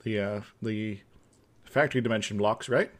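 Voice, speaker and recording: Co-hosting a gaming video series, a man chats casually while playing, joking around in a playful way. His voice is lowish and steady, at a normal speed.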